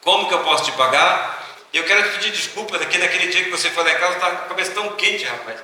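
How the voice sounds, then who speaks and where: A man's voice: high voice, lively intonation, rapid-fire, pushed and bright, voice pushed up, heavily acted. A pastor voicing a distraught grown man in a story, speaking in a raised, pleading voice. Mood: apologetic. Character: distraught grown man confessing anger to neighbor. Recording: echoey hall from far off.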